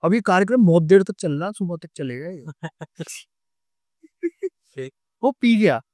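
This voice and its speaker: A young man with a Delhi Hindi accent telling a true ghost story on a podcast, animated and acting out the scenes. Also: high voice, unhurried, no echo, clean studio sound. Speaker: podcast guest.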